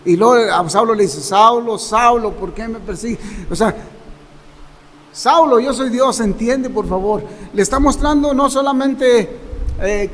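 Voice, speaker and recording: Mexican man, very high voice, Bible teacher at a Sunday service, conversational and questioning, church reverb with faint room noise. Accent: Mexican Spanish. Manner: conversational, with rhetorical questions and acted quotes.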